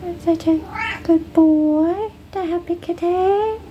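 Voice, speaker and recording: Woman, high voice, unhurried, soft cooing baby talk, frequent whispers, noisy hissy recording. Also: lo-fi sound. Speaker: cat owner. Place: at home with a cat.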